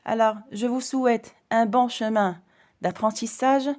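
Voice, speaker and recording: A woman's voice: on the high side, steady tone, unhurried, darkish tone. A woman teaching a grammar lesson to primary school children, speaking carefully and stressing each example sentence.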